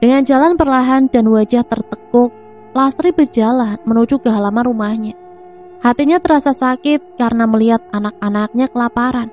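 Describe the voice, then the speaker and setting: Woman storyteller, highish voice, reads it steady, soft music behind. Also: a little fast. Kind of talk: scripted story narration. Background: faint music.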